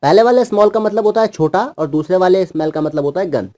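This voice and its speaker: A man's voice: sits high, lively intonation, fast, warm tone. A man teaching children English words, patiently spelling them out letter by letter in Hindi. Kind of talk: explaining word meanings to children.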